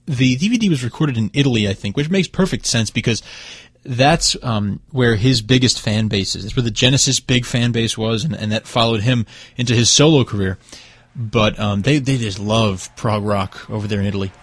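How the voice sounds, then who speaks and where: A man hosting a music show, introducing songs in a hushed, relaxed way with plenty of fillers. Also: medium pitch, moderate pace, slightly rough, no room sound, studio quality. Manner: hushed, relaxed, mellow delivery; rambling with frequent fillers. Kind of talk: casual radio-style song introductions.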